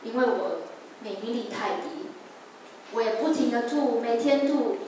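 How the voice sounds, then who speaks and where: A woman's voice: on the high side, unhurried, darkish tone. A woman in her twenties giving an earnest, emotional personal testimony at a church service. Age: 20s. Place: church sanctuary. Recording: echoey church hall, distant mic, faint noise.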